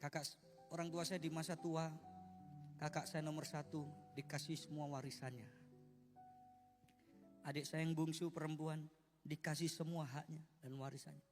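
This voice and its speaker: A man preaching a sermon in style, telling a personal story with swings from hushed, tearful speech to loud outbursts. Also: on the high side, little pitch movement, normal speed, long pauses. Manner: emotional testimony, swings from hushed to loud, sings. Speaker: pastor. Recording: long hall reverb with faint music.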